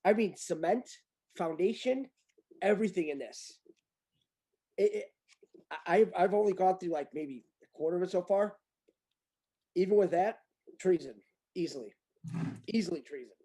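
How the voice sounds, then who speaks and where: A man's voice: sits high, moderate pace, long pauses, warm tone. Incredulous, rambling man. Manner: incredulous, rambling, repeats himself. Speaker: guest reading a document aloud. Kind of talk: casual commentary chat.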